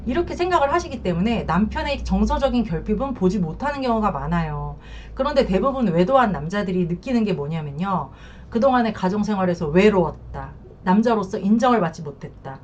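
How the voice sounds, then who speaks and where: A woman's voice: mid-range voice, lively intonation, brisk, a little mellow, muffled recording, a little hiss or hum. A woman counselor giving frank, blunt advice on marriage after infidelity. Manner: frank, blunt, acts out quotes. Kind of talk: advice talk to camera.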